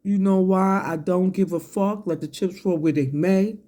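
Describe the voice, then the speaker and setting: Someone with a medium-pitched, steady, dark voice rants confrontationally and profanely online at an ordinary pace, elongating words individually for emphasis. They take sips of a drink between lines, coughing and clearing their throat.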